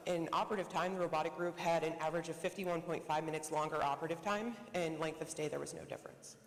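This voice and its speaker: A researcher giving a conference presentation and reading quickly from a prepared script. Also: mid-range voice. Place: conference hall. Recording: echoey conference hall reverb.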